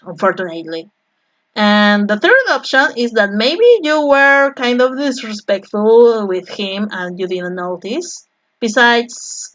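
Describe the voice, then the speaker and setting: Woman, Peruvian Spanish accent, native Spanish speaker, mid-pitched, rambling casual stream talk, slightly dull lo-fi audio. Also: a bit bright. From Peru. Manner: rambling, chatty, friendly thanks to viewers. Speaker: artist live-streaming her painting. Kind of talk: casual live-stream chat. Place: home art studio.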